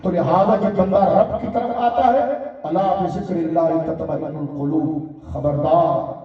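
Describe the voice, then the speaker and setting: A man's voice: on the high side, steady tone. A man preaching a religious sermon to a gathering, exhorting with rhetorical questions and long lists of appeals. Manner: exhorting, rhetorical questions and listed appeals, calls audience to respond. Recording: distant, echoey, dull lo-fi hall recording.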